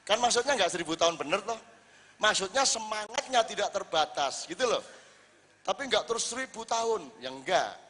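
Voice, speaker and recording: A man preaching to a live audience, lively and full of rhetorical questions. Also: sits high, normal speed, breathy edge. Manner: lively, rhetorical questions, acts out quoted lines. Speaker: Islamic preacher. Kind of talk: religious talk to a live audience. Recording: reverberant hall.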